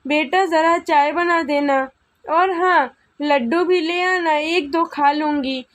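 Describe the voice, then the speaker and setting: A woman voicing a bossy, nagging older mother-in-law in a storybook tale, with a very high, slow voice. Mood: scolding.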